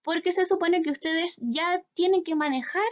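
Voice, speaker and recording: A woman's voice: very high voice, normal speed, highs cut off. A Chilean woman teaching English to schoolchildren in a recorded class, explaining step by step and often checking with "¿cierto?". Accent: Chilean Spanish.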